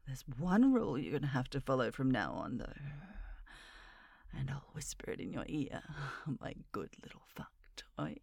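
A woman's voice: extremely low pitch, wildly swooping pitch, moderate pace, gravelly, pauses often, darkish tone, breathy edge, no echo. A woman performing an intimate roleplay, speaking in a dominant, teasing whisper close to the microphone. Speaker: erotic audio roleplay performer.

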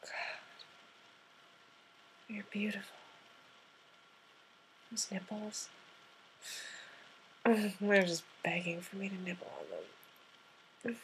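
Slow, soft-whispering woman. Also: mid-range voice, fairly even intonation, slight background noise, poor audio. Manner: soft, half-whispered, coaxing and gently commanding. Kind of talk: intimate audio roleplay addressed to the listener.

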